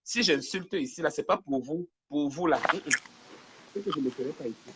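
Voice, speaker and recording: Against a noisy background, a man with a fairly high, expressive voice talks fairly quickly while livestreaming casually from home on his phone. The host teases and chats a lot, sometimes moves away from the mic, and switches to quiet asides when he's on phone calls.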